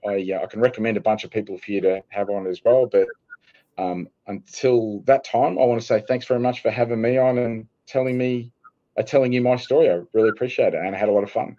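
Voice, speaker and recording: A man with an Australian accent, a guest telling stories in a relaxed, dry-humored way during a casual interview. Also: fairly low pitch, highs cut off. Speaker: guest, archery gear business owner.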